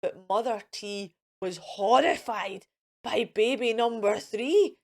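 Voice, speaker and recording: Hosting a children's storytime, a woman reads a picture book to young listeners in a sing-song way. She speaks slowly, with a fairly high and slightly mellow voice.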